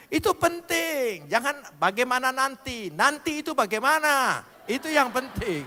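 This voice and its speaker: A male pastor preaching a sermon with animated, playful delivery, spelling out words letter by letter and swinging between loud and soft. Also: high-pitched, long reverb tail. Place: church hall.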